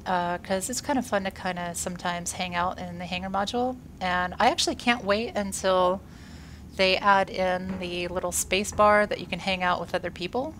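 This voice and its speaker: Playing a space game, a woman talks through it in a relaxed, upbeat way, her voice low-leaning and fairly bright, with fairly even intonation and a normal pace. Illness and a workout have left her congested and a touch wheezy, and "uh" comes up often. A slight hiss or hum is audible; she makes gaming videos.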